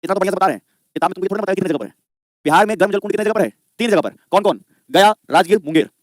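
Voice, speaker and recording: A man's voice: high voice, racing, no echo, studio quality. A man teaching a live online exam-prep class, drilling students with repeated questions and answers.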